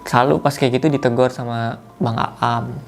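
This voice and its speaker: A man's voice: medium pitch, fairly even intonation, normal speed, vocal fry, slight background noise. A man casually retells a listener's mountain horror story as host, talking loosely with slang fillers and self-corrections.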